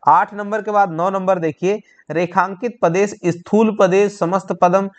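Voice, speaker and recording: A man's voice: high voice, steady tone, a little slow, muffled recording. A man teaching an exam-prep lesson, explaining each answer step by step and checking in with "right?".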